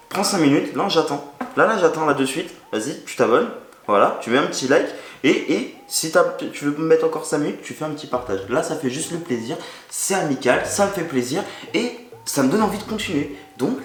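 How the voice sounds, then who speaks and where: Speaking in a voice on the high side, this cooking video host addresses the viewer directly in slangy, chatty, joking speech for his casual vlog. The echoey room has loud background music and slight background noise.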